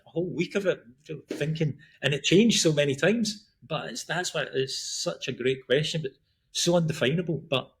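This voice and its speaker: A middle-aged Glaswegian man with a Scottish accent, a breath work and running coach, rambles easygoingly as a guest on a casual podcast. He chats freely with frequent restarts and ums, his voice a little high at a moderate pace, with slight background noise.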